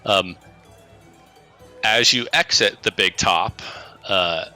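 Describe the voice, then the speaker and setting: A man running a tabletop game as game master, narrating in an informal, halting way. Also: lowish voice, bright, forceful tone, soft background music.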